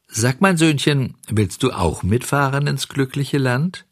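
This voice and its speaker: A man voicing a fat, sweet-talking little coachman who speaks in a soft, flattering, coaxing way. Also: medium pitch, measured pace, no room sound, studio quality, pitched above the performer's own voice.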